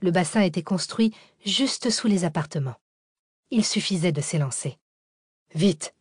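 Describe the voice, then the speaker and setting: A woman narrates a thriller with even, dramatic pacing. Her voice is on the low side, recorded close on a studio mic with a dry, roomless sound. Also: normal speed, slightly rough, dry recording. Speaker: audiobook narrator. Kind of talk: scripted narration.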